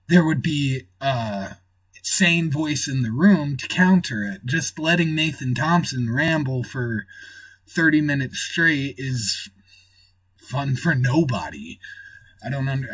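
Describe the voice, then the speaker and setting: A man's voice: mid-range voice, a bit bright, no room sound, far from the mic. A man hosting a livestream in casual chat, rambling and thinking aloud as he reads the chat. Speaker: livestream host.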